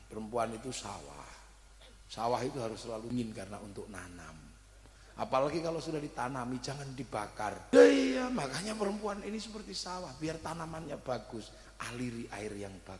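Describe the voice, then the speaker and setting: A man in his thirties telling a humorous family story, acting out quoted people in a low voice. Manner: animated, acts out quotes in a low voice. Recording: echoey hall, long reverb.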